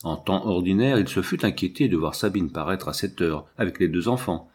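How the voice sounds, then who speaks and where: A man narrating a novel as an audiobook reading, in a measured literary way. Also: low-pitched, animated, breathy edge.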